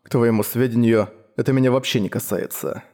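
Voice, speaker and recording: A man voicing a cold, aloof young vampire hunter who speaks tersely and flatly. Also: mid-range voice, brisk, lightly acted. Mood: detached. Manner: flat, detached, terse.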